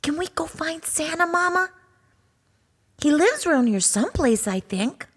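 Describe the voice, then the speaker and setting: A woman voicing a curious little girl bear cub, high, eager and full of wonder. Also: sing-song, a little slow, exaggerated voice.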